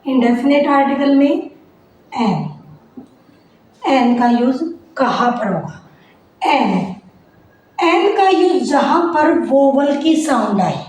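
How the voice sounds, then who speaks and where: A woman's voice: high voice, animated, slow, pauses often, darkish tone. A woman teacher giving a grammar lesson, asking the class questions and answering them herself. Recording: very echoey room, faint noise.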